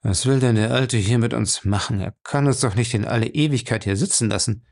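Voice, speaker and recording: A man's voice: medium pitch, brisk, creaky, a little mellow. A man voicing a whiny, defiant and cowardly man in an audiobook, sulky and complaining. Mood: sulky whining.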